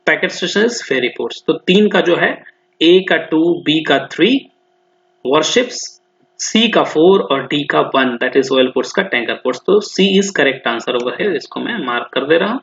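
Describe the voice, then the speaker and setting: A man walks students through exam questions, thinking aloud and going back over each answer. His voice sits a touch high and comes through a dull, lo-fi recording in a roomy, echoey space. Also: fairly bright tone. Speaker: exam tutor. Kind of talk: explanatory lesson, solving exam questions.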